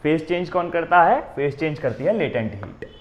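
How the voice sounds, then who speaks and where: A man with an Indian accent teaching a physics coaching class at a board. He stops often to ask "है ना?" and reads definitions out slowly, word by word. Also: a little high, expressive, lo-fi sound. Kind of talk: exam coaching lecture at a board.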